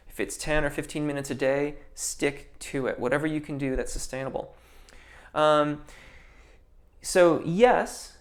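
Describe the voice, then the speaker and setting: The speaker is a young man with a fairly high voice who teaches singing, hosting a casual live-stream Q&A. He reads comments from viewers and answers using technical vocal terms, with many ums and restarted sentences.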